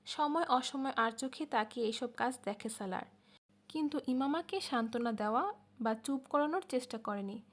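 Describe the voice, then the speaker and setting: A woman narrating an audiobook novel in a steady storytelling manner. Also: high-pitched, moderate pace. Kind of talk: scripted narration.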